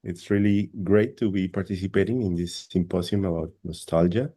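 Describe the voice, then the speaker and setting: A Colombian English speaker gives his academic panel presentation via video call in a low, warm voice at a moderate pace. He sounds hesitant and frequently repeats words.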